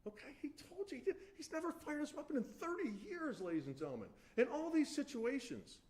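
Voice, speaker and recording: A man's voice: very high-pitched, big pitch swings, a little fast, darkish tone. A man giving a courtroom closing argument as defense attorney, emphatic and pressing, often restarting his sentences as he turns to the jury. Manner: emphatic, addresses the jury repeatedly, frequent restarts.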